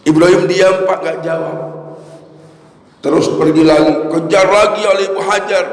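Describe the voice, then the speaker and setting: A man's voice: high-pitched, fairly even intonation, normal speed. A man preaching, telling a story in a folksy way and joking with his audience. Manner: folksy, addresses the audience with "Pak" and jokes. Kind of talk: sermon storytelling. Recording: echoey hall reverb.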